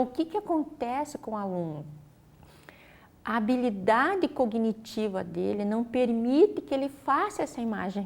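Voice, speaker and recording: A woman's voice: fairly high pitch, a little mellow. A woman, a teacher patiently explaining a literacy method in an interview. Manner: patient, instructive, uses many fillers.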